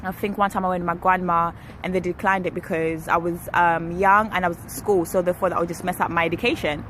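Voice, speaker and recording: A young woman from Kenya telling a personal story to her viewers in a chatty, animated way, outdoors while waiting for a ride. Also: fairly low pitch, fast talker. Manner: chatty, animated, self-correcting. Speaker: vlogger. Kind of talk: casual storytelling to camera. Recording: street traffic noise behind.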